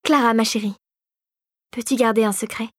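A gentle, confiding regent of a magical realm, voiced by a woman reading a storybook. The voice sits a little high and comes across close and dry, with no room around it. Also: steady tone, normal speed, breathy edge, no room sound. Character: warm conspiratorial adult female regent of a magic realm.

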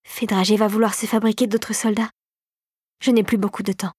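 A woman's voice: medium pitch, level tone, a little fast, darkish tone, slightly rough, no room sound, studio quality, natural voice. A woman voicing a determined young girl explorer who often whispers to herself in a storybook reading. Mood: urgent.

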